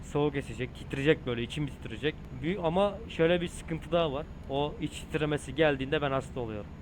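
A man's voice: a little high, quick pace, noisy background. Chatty young man gaming and joking. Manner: chatty, swears, talks to viewers while driving. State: tired and hot. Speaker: gaming streamer. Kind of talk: casual gameplay commentary.

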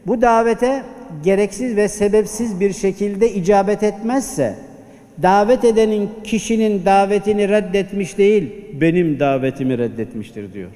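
A man's voice: sits high, moderate pace, dark tone. A man preaching a Friday sermon at a pulpit microphone, exhorting the congregation with rhetorical questions. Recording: long hall reverb.

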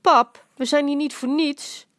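A woman's voice: fairly high pitch, expressive, normal speed, no room sound, studio quality. Fretful grown daughter, protesting, storybook; woman reader. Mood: worried.

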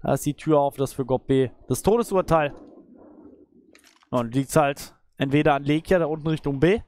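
A man's voice: fairly high pitch, moderate pace, a little mellow. A man commentating live on a shooter match as an esports caster, in speech. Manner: esports caster delivery, analytical, exclaiming at big plays. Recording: game gunfire and clicks behind voice. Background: video game gunshots.

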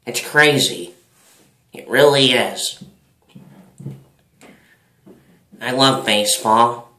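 A man voicing a loud older baseball fan who sounds drunk, rambling slowly and repeating himself. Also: mid-range voice, echoey room, poor audio. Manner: rambling, repetitive, drawn-out talk.

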